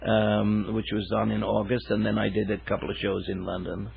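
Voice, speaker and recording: An older man from Wales, a songwriter telling rambling, hesitant stories with many fillers in a relaxed interview. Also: lowish voice, a little fast, creaky. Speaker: songwriter guest. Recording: narrow phone-like radio sound.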